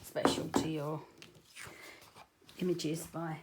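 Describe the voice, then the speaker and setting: A woman's voice: sits low, flat delivery, slow pace, very noisy. A middle-aged woman with a southern English accent, chatting her way through a card-making tutorial with rambling, self-correcting asides. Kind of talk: casual crafting tutorial.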